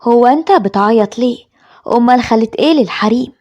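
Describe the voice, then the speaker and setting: A woman with an Egyptian accent voicing a cruel, scolding older mother who shouts orders at her son. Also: on the high side, animated, quick pace, breathy edge, highs cut off. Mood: harsh. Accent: Egyptian Arabic.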